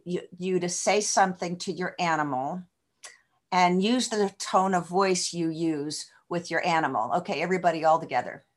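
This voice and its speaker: A woman preaches a sermon to her congregation over a video call. Her voice sits low and she speaks slowly and reflectively, pausing often with small fillers. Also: fairly bright tone. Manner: slow, reflective, with frequent fillers.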